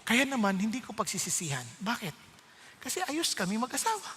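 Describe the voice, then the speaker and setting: A middle-aged man preaching with a high, bright voice that rings through a large hall with long reverb. He tells personal stories with lively energy, acting out each exchange and laughing often. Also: brisk, slight background noise. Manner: animated, acts out dialogue, laughs often. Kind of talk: sermon with personal storytelling.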